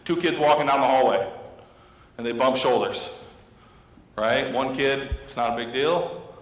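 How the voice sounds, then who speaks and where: Counselor, 30s man, mid-pitched, speaking to an audience in a reverberant hall. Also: measured pace. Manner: storytelling, asks the audience questions. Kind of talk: talk to an audience of teachers. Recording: echoey hall with long reverb.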